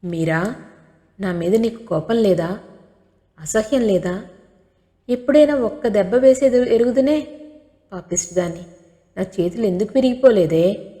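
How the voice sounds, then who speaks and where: Woman voicing a sobbing frantic middle-aged mom, low mellow voice, echoey hall. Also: moderate pace, natural voice. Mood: tearful. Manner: wailing, pleading, self-reproaching. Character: distraught middle-aged mother, sobbing in anguish. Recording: long hall reverb.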